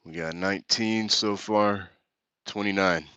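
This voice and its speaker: A man with a deep, low voice chats on a live stream between push-up sets. His tone is bright and forceful, and the sound is dry and close. He swears casually, laughs at the comments and sounds a little winded. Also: steady tone, a little slow, smooth, dry recording, dull audio. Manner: crude, joking, reads chat comments aloud with laughs.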